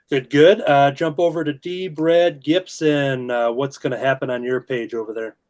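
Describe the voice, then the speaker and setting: A man hosting a casual drawing show, talking in a relaxed way with frequent "uh" fillers. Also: medium pitch, measured pace. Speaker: host. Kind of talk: casual video-call chat while drawing.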